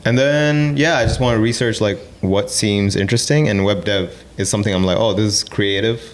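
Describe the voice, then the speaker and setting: A man in his twenties from Sri Lanka, a podcast guest chatting casually, quick and often laughing. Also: fairly low pitch. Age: 20s. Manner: fast, laughs often, repeats "exactly". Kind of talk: casual interview chat.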